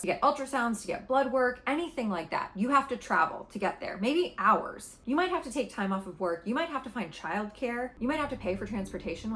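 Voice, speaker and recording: A woman's voice: medium pitch, fairly bright tone. A woman vlogger talking straight to her viewers, making an argument with emphatic repetition and passion. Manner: passionate, emphatic, repeats points for stress. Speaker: political commentary vlogger. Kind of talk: opinionated direct-to-camera commentary.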